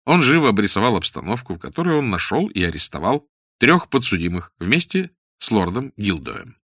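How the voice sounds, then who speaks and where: A man narrating a story aloud in a measured, expressive reading. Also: lowish voice, no room sound, studio quality. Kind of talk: scripted audiobook narration.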